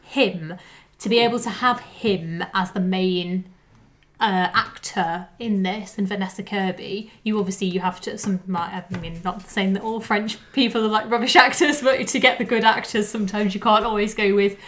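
A woman's voice: medium pitch, fairly even intonation, moderate pace, a bit bright. A woman co-hosting a film podcast in casual chat. She talks emphatically and laughs easily. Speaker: podcast co-host.

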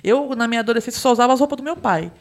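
A woman's voice: a little high, very fast. A young Brazilian woman telling a funny story in casual chat, dramatic and laughing often.

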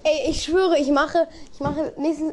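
A young woman with a high voice hosts a podcast, chatting casually and telling bad jokes in a silly way, easily breaking into giggles. Her intonation stays fairly even and her pace measured. The audio is clearly a noisy amateur home recording.

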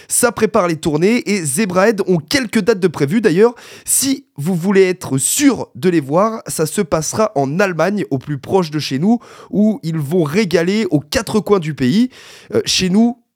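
A man with a hoarse, worn-out, raspy voice, chatting casually as the host of a music radio show. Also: high-pitched, expressive, unhurried, a little mellow, no room sound, studio quality. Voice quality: very husky, raspy. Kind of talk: casual chat.

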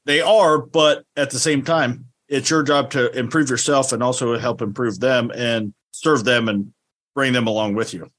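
A man hosting a casual podcast interview, agreeable and halting, often restarting his sentences. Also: medium pitch, steady tone, a bit bright. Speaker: podcast host.

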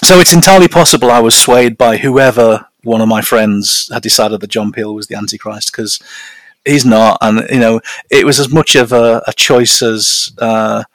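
Northern English man with flat vowels. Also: medium pitch, moderate pace, no echo, poor audio. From north of England. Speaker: podcast guest. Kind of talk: casual interview chat.

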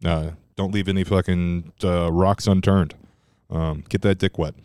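Brief: low, smooth-voiced man, loose rambling podcast talk, dry close mic at home. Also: unhurried. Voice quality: strong loud voice, at times monotone. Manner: rambling, loose and profane, many fillers. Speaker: podcast host. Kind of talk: casual solo podcast chat. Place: room at home.

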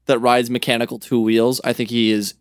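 A man's voice: mid-range voice, little pitch movement, brisk, smooth, no echo, clean studio sound. A young man co-hosting a podcast in casual chat, enthusiastic and full of fillers. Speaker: podcast co-host.

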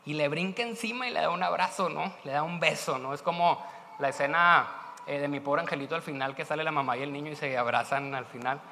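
A man's voice: on the high side, fast talker, vocal fry, sharp tone, a little hiss or hum. A man with a Mexican accent preaching a sermon in a casual, conversational way, often tagging questions. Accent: Mexican Spanish. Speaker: pastor. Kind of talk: sermon storytelling. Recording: echoey church hall.

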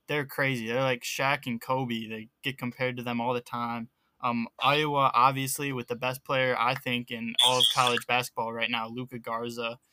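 A young man co-hosting a podcast, talking college basketball in a relaxed way with lots of ums. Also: medium pitch, moderate pace, hardly any pauses, a little hiss or hum. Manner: relaxed, filler-heavy talk. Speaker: podcast co-host. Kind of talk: casual sports chat.

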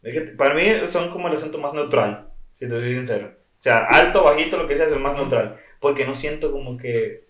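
A man's voice: mid-range voice, fairly quick, a bit bright. Chatty male podcast guest in echoey room. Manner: chatty, talkative, repeats "o sea". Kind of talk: casual podcast chat. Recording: roomy echo.

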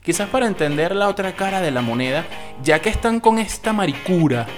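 A man with a Venezuelan Spanish accent talks through a film review in a loose, opinionated way, swearing casually. His voice sits a little high for a man. Faint music plays behind him. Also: animated, brisk.

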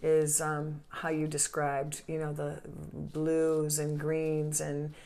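A woman from southern Italy, a podcast guest and songwriter, talking in a measured, explanatory way with frequent fillers. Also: deep voice, completely flat delivery, creaky, mellow. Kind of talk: casual interview chat.

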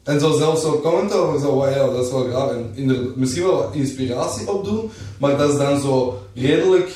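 A man with a Flemish accent in a casual group chat, talking informally and haltingly with some English swearing. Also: medium pitch, mellow. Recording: very echoey room, far from mic.

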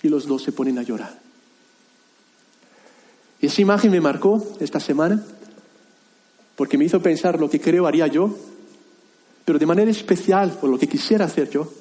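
A man pastor preaching a sermon in an earnest, halting way, with many pauses and restarts. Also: fairly high pitch, warm tone. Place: church hall.

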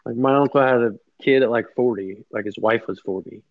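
A man's voice: medium pitch, a little fast, dry recording, phone-quality sound. A man in his thirties co-hosting a podcast, chatting casually with loose, profane banter. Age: 30s. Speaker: podcast co-host. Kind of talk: casual chat.

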